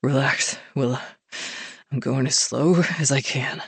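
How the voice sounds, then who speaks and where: Voicing a forceful young man, a female narrator drops into a husky, low near-whisper and grinds out orders through her teeth. She takes her time, exaggerates the voice, and the recording is dry.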